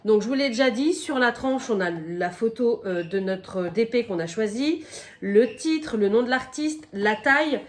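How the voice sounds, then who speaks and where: A woman chatting casually through an unboxing, her voice a little croaky from a cold, filling pauses with "donc" and "euh" and stopping now and then to cough. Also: a little high, expressive. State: has a cold, slightly croaky voice. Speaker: crafting vlogger.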